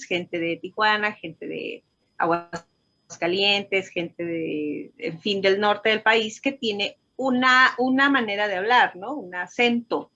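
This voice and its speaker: A woman's voice: medium pitch, sharp tone. Woman on dull lo-fi audio. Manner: engaged, explains with examples, affirming. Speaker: voice teacher. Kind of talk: reflective conversation.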